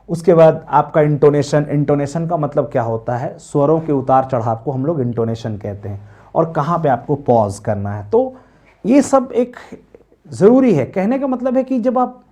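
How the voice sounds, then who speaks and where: Guy teaching an exam prep class, keeps asking and answering his own questions, soft dark tone. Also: fairly high pitch. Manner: emphatic, asks questions and answers them himself.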